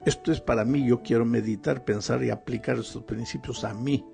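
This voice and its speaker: A man giving a devotional Bible lesson, earnestly reading scripture passages slowly and speaking directly to the listener. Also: mid-range voice, fairly even intonation, gravelly, warm tone, faint music behind. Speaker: Bible study teacher.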